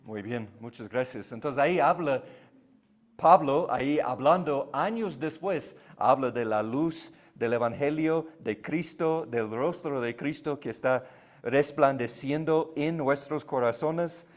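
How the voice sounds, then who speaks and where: A man's voice: mid-range voice, measured pace. A man whose first language is English, teaching a Bible class in Spanish with patient explanations and frequent tag questions.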